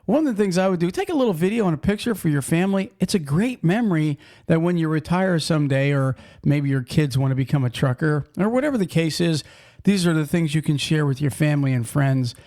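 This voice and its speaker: A man's voice: on the high side, lively intonation, quick pace, a little mellow. A man hosting a casual trucking podcast, talking in a folksy, rambling way with frequent restarts. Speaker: podcast host.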